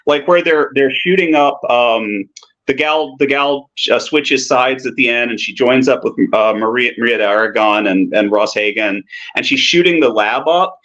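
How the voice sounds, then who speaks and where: A man co-hosting a movie podcast, chatting casually and enthusiastically in a rambling, halting way with repeated words. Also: mid-range voice, a bit bright, highs cut off. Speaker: film podcast co-host. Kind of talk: casual chat about cult movies.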